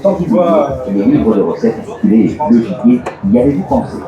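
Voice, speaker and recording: Man, loudspeaker announcement, formal, echoey, loud crowd. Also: mid-range voice, animated, moderate pace, lo-fi sound. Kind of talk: public address announcement. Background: crowd chatter.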